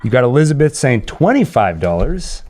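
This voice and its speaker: Mellow and sing-song at a moderate pace, this medium-pitched male streamer banters casually, tells stories, and hosts a quiz, with playful comments to the chat. There's music in the background.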